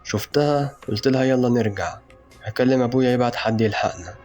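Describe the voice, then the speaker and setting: A man with an Egyptian Arabic accent narrating a dark first-person story in a slow, brooding, intense way. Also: medium pitch, soft background music.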